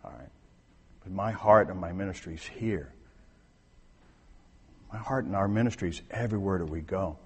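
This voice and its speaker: A pastor with a husky, fairly low voice preaches conversationally at a moderate pace, taking long pauses and moving between near-quiet asides and emphatic points. A long sanctuary reverb trails behind him.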